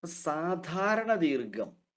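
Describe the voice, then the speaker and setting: A man teaching an online Quran reading class, patiently repeating key terms slowly for his students. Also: fairly high pitch, very animated.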